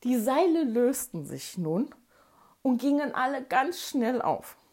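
A woman reading her childhood memoir aloud, dramatic, dropping to whispers and rising to shouts. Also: high voice, big pitch swings, takes it slowly. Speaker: storyteller.

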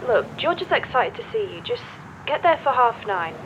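A woman's voice: fairly high pitch, very animated, normal speed, highs cut off, background noise. An actress playing a worried, disapproving partner and mother, concerned and reproachful in a naturalistic drama. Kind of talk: naturalistic screen drama acting.

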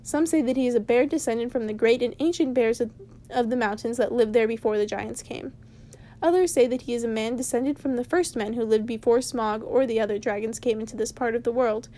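A woman's voice: fairly high pitch, dark tone, close to an everyday voice. A woman reading aloud as a cross, lecturing old male wizard from a storybook, in a voice close to her own. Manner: stern, lecturing.

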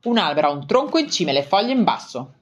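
A woman voicing an odd, cheerful female bat in a storybook reading, speaking in a bright, matter-of-fact, playful way. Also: mid-range voice, very animated, fast, voice pushed up, close to an everyday voice.

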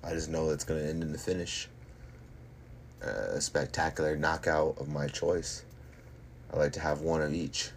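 A man with a very low voice talks himself up in a casual, cocky monologue, piling up repeated phrases for emphasis. His speech is slangy and boastful, with some noise behind him. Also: fairly even intonation, moderate pace, long pauses. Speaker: fighter. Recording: noticeable background noise.

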